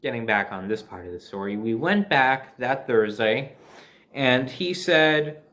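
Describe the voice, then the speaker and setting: Casually recounting something that happened to him, a New Jersey man with an American accent slips in sardonic asides. He sounds expressive and fairly bright, with a medium pitch and a measured pace.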